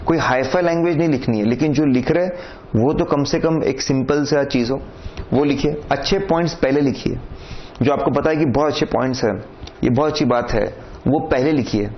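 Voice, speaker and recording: A man's voice: medium pitch, fairly quick. A man with an Indian accent giving an exam coaching lecture, talking directly and instructively and checking again and again that students follow. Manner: direct, repeats "correct?" and "theek hai", instructive. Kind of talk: lecture mixing Hindi and English. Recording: dull lo-fi sound with faint noise.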